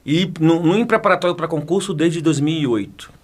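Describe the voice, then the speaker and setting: Fairly high in pitch and brisk, he speaks as an interview guest in easygoing conversation. In his 40s and from Bahia, Brazil, he works as a federal police chief and teacher, and he often jokes, laughs and repeats words.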